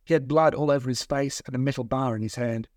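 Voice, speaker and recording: Author guy reading his book, calm steady narration, dead dry mic. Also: medium pitch, no echo. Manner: steady, measured storytelling. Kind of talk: first-person audiobook narration.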